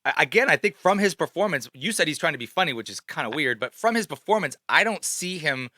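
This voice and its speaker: A man's voice: a little high, animated, fast, bright, forceful tone, dry recording, clean studio sound. A man co-hosting a casual podcast, thinking aloud and asking questions as he talks. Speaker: podcast co-host.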